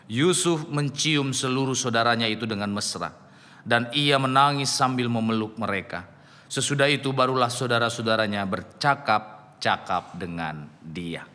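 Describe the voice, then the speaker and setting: A man's voice: medium pitch, moderate pace, sharp tone, big-room sound. A man preaching a youth sermon as a pastor, telling a story and addressing the young listeners directly with emphatic rises.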